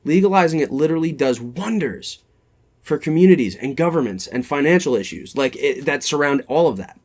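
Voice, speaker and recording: A man's voice: on the high side, animated, a little fast, darkish tone. A young man with a New Jersey accent, chatting casually as a podcast co-host in a laid-back, joking way. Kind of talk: casual chat.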